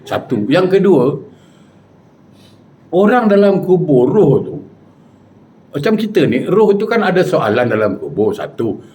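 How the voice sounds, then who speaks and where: A man preaching with animated, jokey storytelling. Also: a little high, measured pace, long pauses, lo-fi sound. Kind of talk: humorous storytelling sermon.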